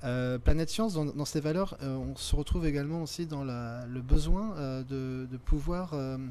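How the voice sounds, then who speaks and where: A man, a studio guest and association president, answering at length in a halting way with many fillers and restarts. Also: on the high side, mellow, a little hiss or hum. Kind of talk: hesitant studio talk-show answers. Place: web TV studio set at a robotics event.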